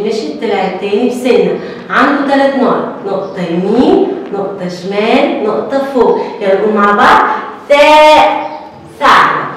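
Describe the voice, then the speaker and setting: A woman with an Egyptian Arabic accent teaching young children the alphabet, stretching out each letter sound slowly. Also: mid-range voice, very echoey, long reverb tail, far from the mic, a little hiss or hum, low-quality recording. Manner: slow, drawn-out sounding of letters for small children. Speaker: kindergarten teacher.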